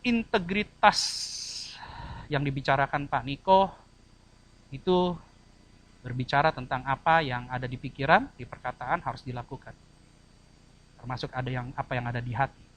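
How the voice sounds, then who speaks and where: A man's voice: mid-range voice, moderate pace, pauses often, fairly bright tone. A man preaching a church sermon, addressing the congregation directly and acting out short quoted voices. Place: church service.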